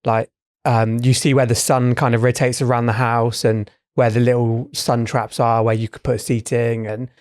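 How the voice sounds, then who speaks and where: A man's voice: medium pitch, flat delivery, normal speed, a little mellow, no room sound, clean studio sound. A man, co-hosting a podcast in casual chat, speaking thoughtfully and hesitantly with many fillers. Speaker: podcast co-host.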